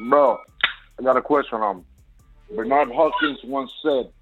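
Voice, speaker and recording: A man's voice: medium pitch, a little slow. A man from Boston calling in to a sports show, casually arguing and challenging with questions. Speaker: caller to boxing show. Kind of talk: casual argumentative phone-in. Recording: husky tinny phone line, faint music.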